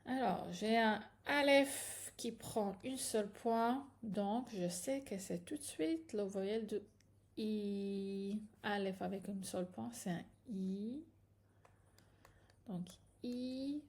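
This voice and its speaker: A woman's voice: mid-range voice, takes it slowly. A woman teaching a patient, step-by-step reading lesson, often checking in with her students. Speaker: Hebrew teacher.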